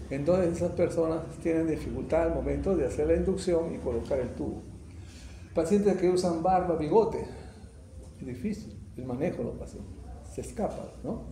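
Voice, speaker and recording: A middle-aged man gives a classroom lecture in a fairly high but mellow voice. He keeps asking his students whether they follow. The room is echoey, with faint noise behind him. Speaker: anesthesiology lecturer.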